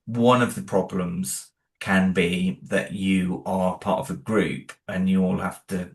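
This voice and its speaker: In a relaxed interview chat, this man loosely describes creating the music and sound for his audio drama, rambling with plenty of fillers and restarts and poking fun at himself. His voice is deep, with little pitch movement, and he takes his time.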